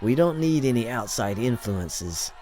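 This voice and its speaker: A man's voice: mid-range voice, lively intonation, measured pace, dark tone, natural voice. A man voicing a blunt, sarcastic woman on a covert crew, in an audiobook reading. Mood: dry. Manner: blunt, dry.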